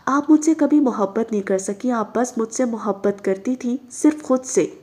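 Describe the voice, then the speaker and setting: A woman reading aloud, voicing a bitter, obsessed young woman who shouts her grievances in pain. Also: on the high side, normal speed, close to an everyday voice. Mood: bitter shouting.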